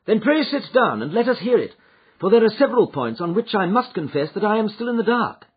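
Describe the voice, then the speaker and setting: A man playing a keen, commanding Victorian detective, talking high, brisk and emphatic on a dull recording. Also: very animated, breathy edge, full character voice. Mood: probing.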